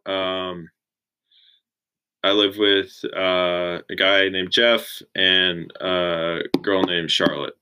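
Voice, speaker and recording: A young man in his twenties chatting casually as an interview guest, relaxed and full of "like" fillers. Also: deep voice, extremely slow, clear, resonant tone, low-quality recording. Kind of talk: casual chat.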